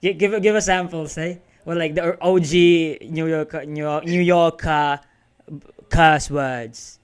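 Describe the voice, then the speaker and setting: Guy hosting a podcast, smooth clear voice, a bit high, short casual replies. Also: fairly even intonation, measured pace. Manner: brief backchannel replies. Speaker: podcast host. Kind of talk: casual conversation.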